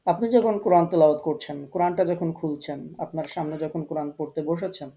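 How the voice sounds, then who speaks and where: Patient male tajweed teacher, mellow voice. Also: a little high, low-quality recording. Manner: patient, explanatory, repeats key points slowly. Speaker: Quran recitation teacher. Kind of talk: online tajweed class lecture.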